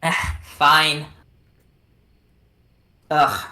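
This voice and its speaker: A woman's voice: low-pitched, fairly even intonation, very slow, sharp tone, echoey room, full character voice. A woman voicing a blunt, tipsy teenage girl at camp, with grumbling, crude delivery.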